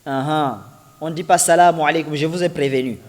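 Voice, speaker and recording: A man's voice: a little high, fairly quick, long reverb tail. A man teaching an Arabic lesson to a class, patiently repeating examples and quizzing his students. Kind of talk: classroom lesson explaining grammar.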